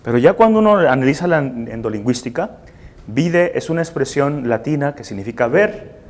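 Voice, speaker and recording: A man's voice: mid-range voice, animated, a little fast. Man lecturing an audience. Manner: explanatory, seeks assent with tag questions. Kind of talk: live classroom lecture. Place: room with a seated audience.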